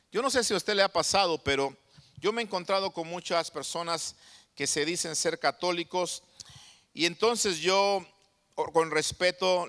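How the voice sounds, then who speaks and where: A high-voiced man preaching a sermon, leaning hard on his points and throwing rhetorical questions at his listeners. His voice is bright and forceful. A long reverb rings around him.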